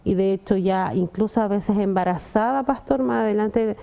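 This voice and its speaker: A woman's voice: medium pitch, moderate pace, gravelly, mellow, clean tone. A young adult woman, giving an earnest personal testimony and often addressing the pastor. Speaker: testimony guest.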